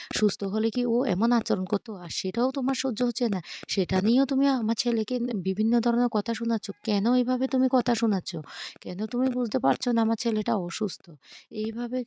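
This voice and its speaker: A woman's voice: fairly high pitch, warm tone, dry recording, close to an everyday voice. A woman voicing a protective mother pleading for her sick son, reproachful.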